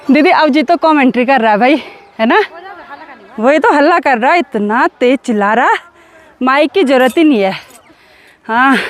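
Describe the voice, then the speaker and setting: Young woman from the hills, chatty and teasing, phone vlog outside. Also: high voice. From Uttarakhand, India. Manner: chatty and cheerful, teasing with neighbours. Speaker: vlogger. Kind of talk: casual vlog narration and chat. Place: outdoors in a hill village.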